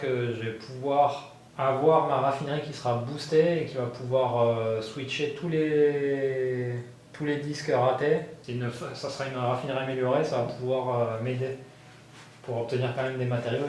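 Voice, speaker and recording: A man narrating his solo board game playthrough, thinking aloud with many fillers and bursts of excitement at dice rolls. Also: medium pitch. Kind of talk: casual thinking-aloud gameplay commentary. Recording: very echoey room with faint background noise.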